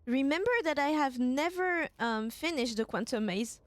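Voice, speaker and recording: High-voiced woman musing over a game. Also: animated, normal speed, soft background music. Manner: musing aloud with many questions. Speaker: streamer. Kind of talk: casual gameplay commentary.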